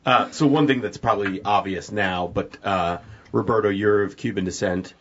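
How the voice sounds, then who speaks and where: A man's voice: lowish voice, normal speed, fairly bright tone, a little hiss or hum. A man hosting a podcast, chatty and casual, prompting his guests with questions. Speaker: podcast host. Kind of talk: casual interview talk. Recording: dull lo-fi podcast audio.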